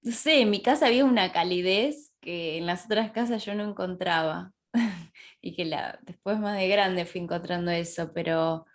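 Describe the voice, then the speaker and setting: A woman's voice: lowish voice, normal speed. A woman from Mexico, a panel guest recalling her childhood, searching for words with many fillers. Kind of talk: casual personal recollection.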